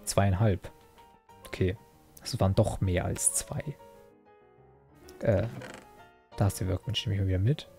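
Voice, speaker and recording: Young male gaming host, casual self-mocking chatter, dark gravelly tone. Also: low voice, fairly even intonation, a little slow, pauses often, soft background music. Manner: rambling, self-mocking, frequent fillers and restarts. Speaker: Let's Play host. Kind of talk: casual gameplay commentary.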